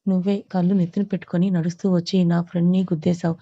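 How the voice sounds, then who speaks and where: A woman's voice: fairly low pitch, level tone, very fast, warm tone, no echo, dull audio, natural voice. A woman voicing an outspoken, teasing young woman who fiercely defends her friend. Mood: sassy. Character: bold, loyal young woman, protective friend.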